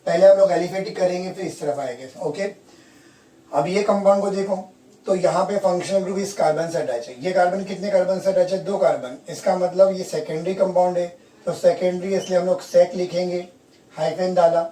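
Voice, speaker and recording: A man's voice: high-pitched, steady tone, brisk, warm tone. A man teaching chemistry in Hindi-English mix, often quizzing his students and repeating key terms. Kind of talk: classroom lecture. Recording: echoey room, from far off.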